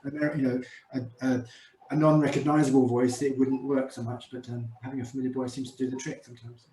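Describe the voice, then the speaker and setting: A man's voice: mid-range voice, level tone, a little fast, dark tone, slight background noise. A man moderating a question-and-answer session over a video call, polite and hesitant with many fillers and restarts. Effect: heard over a video call. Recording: echoey and distant video call audio.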